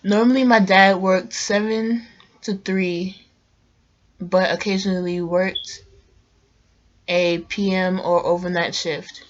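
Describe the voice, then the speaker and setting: A woman's voice: medium pitch, little pitch movement, takes it slowly, long pauses, muffled recording. A young woman reading a ghost story aloud in a casual vlog, chatty and sometimes stumbling on words. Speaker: co-host reading scary stories.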